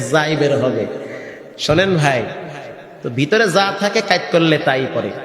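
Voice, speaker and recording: High, bright male preacher, chanting sermon with folksy questions to the crowd, long reverb. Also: animated, measured pace. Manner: swings between sung chanting and rustic conversational asides. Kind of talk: Bengali waz sermon with sung recitation. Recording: echoey hall with long reverb.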